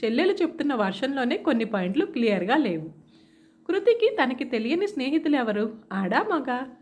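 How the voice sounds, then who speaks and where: A woman narrating a story in a measured, expressive reading. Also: high voice.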